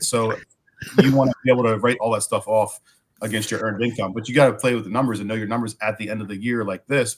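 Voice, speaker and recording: A man chatting casually as a guest, his voice raspy like a smoker's and hoarse from bronchitis, as he fights back a cough. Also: on the low side. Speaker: guest, firefighter and podcaster. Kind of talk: casual chat.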